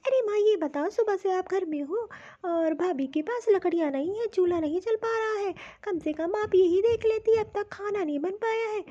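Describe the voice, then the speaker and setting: A woman's voice: extremely high pitch, moderate pace, few pauses, mellow, muffled recording. A woman voicing a spoiled, demanding young married daughter with a whiny way of talking in a cartoon.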